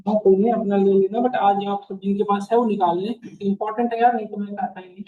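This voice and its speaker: A man teaching a class, mixing English phrases into his Hindi and repeating key lines slowly for students to write down. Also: high-pitched, steady tone, phone-quality sound. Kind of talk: classroom lecture.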